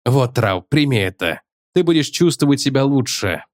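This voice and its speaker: A man's voice: mid-range voice, very animated, moderate pace, no echo, studio quality, close to an everyday voice. A man voicing a ship's doctor who speaks in a faint, strained voice, as an audiobook character voice. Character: weak-voiced male ship doctor.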